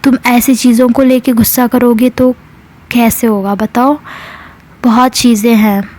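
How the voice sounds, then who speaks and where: Woman putting on a high coaxing young woman. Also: little pitch movement, unhurried, a little mellow. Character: young woman lover, calm, reasoning, coaxing.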